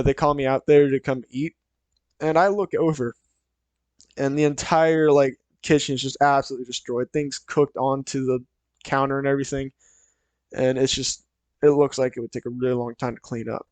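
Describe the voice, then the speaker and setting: A man's voice: medium pitch, steady tone, normal speed, a little mellow, clean tone, dry recording. Rambling young man telling a story. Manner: rambling, full of "so" and "like". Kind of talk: casual storytime narration.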